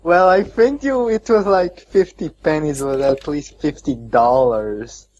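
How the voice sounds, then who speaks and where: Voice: mid-range voice, unhurried, darkish tone. A player in a tabletop game making sardonic remarks, heard through a dull, muffled recording. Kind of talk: casual tabletop play.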